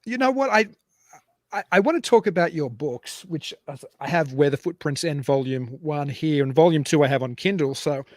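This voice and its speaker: A man's voice: on the high side, expressive, normal speed, darkish tone, no room sound. A man hosting an online talk show over a video call, introducing a guest in a rambling, self-correcting way. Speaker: podcast host. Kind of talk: casual online show chat.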